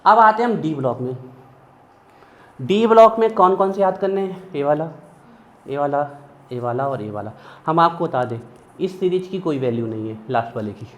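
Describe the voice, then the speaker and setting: A man's voice: on the high side, expressive, moderate pace. A man teaching chemistry in a classroom lecture, chanting mnemonic lists in a sing-song rhythm. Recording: echoey room, dull lo-fi sound, faint hiss.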